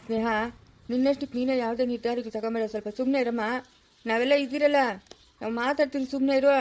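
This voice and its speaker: A woman's voice: high-pitched, fairly even intonation, quick pace, darkish tone, natural voice. A woman playing a stern old village grandfather who scolds his son and soothes his granddaughter in a family drama skit. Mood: soothing.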